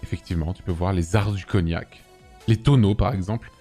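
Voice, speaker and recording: Animated man in his thirties. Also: brisk, slightly rough, faint music behind. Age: 30s. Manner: playful, protests loudly, rises high when teased. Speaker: host. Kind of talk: casual chat ranking cities.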